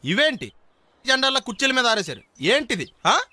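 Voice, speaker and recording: A man's voice: very high voice, big pitch swings, moderate pace, pushed and bright, no room sound, exaggerated voice. An actor playing a whiny, complaining young man in a film comedy scene. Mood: nagging. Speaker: comic film character.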